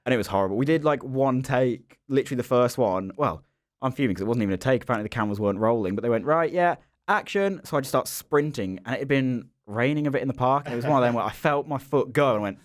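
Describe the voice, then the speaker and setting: A man, co-hosting a casual chat podcast and telling animated stories. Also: medium pitch, very fast, no echo, clean studio sound. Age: early 20s. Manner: animated storyteller, acts out voices in anecdotes. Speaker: podcast co-host.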